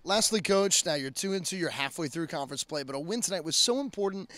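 A man in his thirties holds a handheld mic and asks a coach long, detailed questions after a night game, pausing on "uh" as he goes. His voice sits a little high for a man. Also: lively intonation, pushed and bright. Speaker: sports interviewer. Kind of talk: postgame interview questions. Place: outdoor soccer field at night under floodlights.

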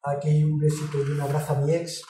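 A woman, talking in a casual interview. She speaks frankly, swears and gets animated when she tells stories. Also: low-pitched, fast, slight background noise. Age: 50s. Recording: roomy, distant mic with music behind.

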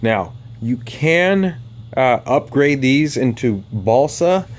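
Handling the pieces of a flying wing model kit, a man gives a loose, rambling walkaround full of ums, typical of an RC hobbyist. He speaks slowly in an expressive, medium-pitched voice, with faint hiss or hum behind him.

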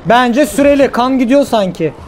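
A male gaming host gives casual let's-play commentary in a very high, excitable voice. He swears freely and yells at the game, and a faint hum of background noise sits under him. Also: moderate pace.

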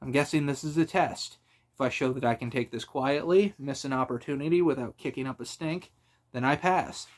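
A man's voice: mid-range voice, a little fast, close to an everyday voice. Wry, brash young adventurer, read by a man in an audiobook. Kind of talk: audiobook character voice.

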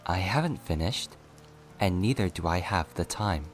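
Brief: measured courteous official, deep and soft, read by a man. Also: lively intonation, soft background music. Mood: calm. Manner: polite, measured. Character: calm polite heavenly official.

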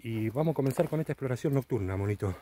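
A man's voice: mid-range voice, expressive, racing, mellow, a little hiss or hum. A middle-aged man with an Argentine accent talks in a casual vlog style. He is recorded outdoors in woodland at night, hosting an exploration.

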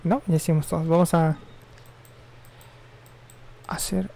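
A man's voice: fairly high pitch, fairly even intonation, slow pace, vocal fry, mellow. A young man chatting casually and rambling with slang while he streams a game. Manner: rambling, offhand, slangy and self-correcting. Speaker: gaming streamer. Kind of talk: casual live-stream chat while gaming.

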